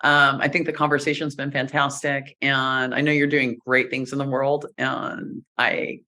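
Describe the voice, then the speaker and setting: A woman's voice: a bass voice, little pitch movement, moderate pace. A middle-aged woman hosting an interview show, chatty and appreciative as she wraps up with a guest. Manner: warm, appreciative, chatty with laughs. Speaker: podcast host. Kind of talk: casual interview. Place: home studio with wooden wall.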